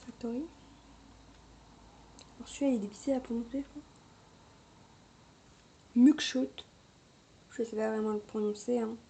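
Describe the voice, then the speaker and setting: A woman chatting casually through a makeup review, hesitant and quick to apologize, recorded on a camera mic at home. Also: a little high, steady tone, gravelly, warm tone. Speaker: beauty vlogger.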